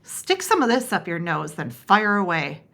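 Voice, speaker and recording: A woman's voice: lowish voice, big pitch swings, normal speed, creaky, fairly bright tone, heavily acted. A woman voicing a patient, practical knight in a storybook read-aloud, coaching in a matter-of-fact way.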